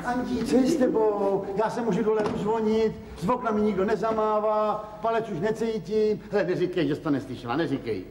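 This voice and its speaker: An actor playing an indignant, worn-out middle-aged husband home from the factory, protesting in exasperation, in a 1970s TV drama. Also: male voice, sits high, hardly any pauses, lightly acted. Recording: echoey 1970s TV film sound, faint hiss.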